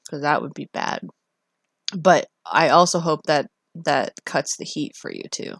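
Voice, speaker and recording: A Canadian woman with a low voice talks casually as a live streamer would to her viewers. She takes her time, restarting sentences and reacting expressively, and the sound is close and dry. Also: lively intonation, unhurried, creaky, fairly bright tone, no room sound.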